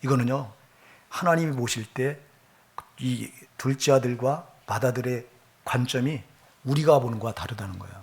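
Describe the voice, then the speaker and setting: A man preaching a Sunday sermon in a mid-range voice. He builds to loud, emphatic stretches and then lets his phrases sink low and soft at the end. He voices the scripture's speakers as he retells their words. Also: normal speed, creaky. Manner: emphatic preaching with rising loud passages and low trailing endings; acts out quoted scripture and speakers' lines. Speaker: pastor.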